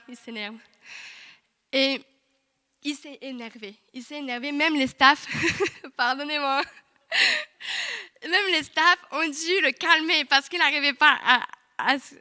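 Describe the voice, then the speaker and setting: A young woman giving a lively, chatty testimony in church, full of asides to the congregation. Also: high-pitched. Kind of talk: sermon testimony. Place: church hall.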